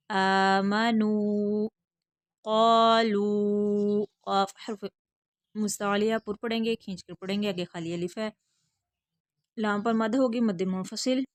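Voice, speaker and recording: A woman teaching an online recitation lesson, explaining pronunciation rules quickly and then stretching out each recited word slowly. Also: mid-range voice, a little mellow, no echo. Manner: explains pronunciation rules in quick bursts between slow, drawn-out recited words.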